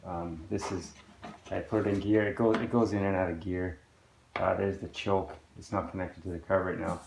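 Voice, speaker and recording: A man with a low, gravelly voice talks through his engine repair in a casual, meandering way, often stopping and restarting his sentences. He sounds like a hobbyist narrating from his home workshop, and his voice drifts nearer and farther from the camera mic. A faint hiss of workshop noise sits underneath. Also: flat delivery, normal speed, a little mellow. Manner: rambling, hesitant, full of restarts and ums. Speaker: outboard engine restorer.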